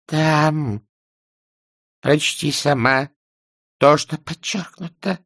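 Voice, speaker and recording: A man's voice: fairly high pitch, sing-song, brisk, a bit bright, no echo, studio quality, voice pushed up. A man voicing a nervous, hysterical middle-aged husband prone to shrieking outbursts. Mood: hushed dread.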